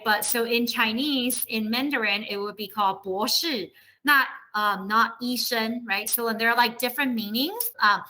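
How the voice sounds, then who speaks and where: Teaching students online via video call, a female professor keeps things relaxed and conversational, explaining material and regularly checking for agreement. Her pitch is fairly high, her tone bright and forceful, and the sound is poor.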